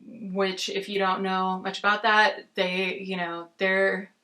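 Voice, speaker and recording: An American woman with a bright, forward voice at an ordinary female pitch gives a casual book review. She rambles in a halting way, often breaking off and rewording her thoughts. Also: level tone, low-quality recording. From United States. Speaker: book reviewer on a video channel. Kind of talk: casual book chat to camera.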